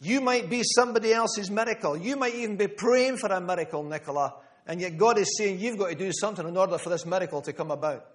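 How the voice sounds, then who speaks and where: A man's voice: high voice, fast talker, few pauses. A man preaching a sermon to a room, emphatic, repeating key phrases and calling on listeners by name. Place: church gathering room.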